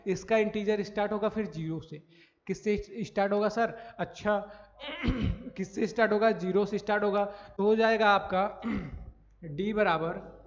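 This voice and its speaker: A man teaching maths in a recorded lecture, explaining step by step, asking questions and answering them himself, and often checking whether students follow. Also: high voice. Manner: frequent checks for understanding. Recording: dull lo-fi audio in a reverberant room.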